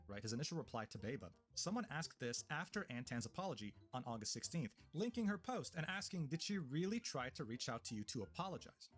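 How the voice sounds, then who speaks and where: A man's voice: on the high side, breathy edge. A man narrating a commentary video in a scripted way, with sarcastic, mocking asides.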